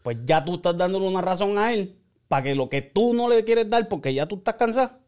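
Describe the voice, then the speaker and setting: A man's voice: high-pitched, animated, a little fast, a little mellow, clear, resonant tone. A man co-hosting a podcast, blunt and contrarian, cutting in to argue his point. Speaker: podcast co-host. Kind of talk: casual argumentative banter.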